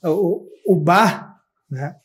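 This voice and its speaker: A man as a podcast guest, explaining local words haltingly with many restarts. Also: a little high. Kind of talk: casual chat.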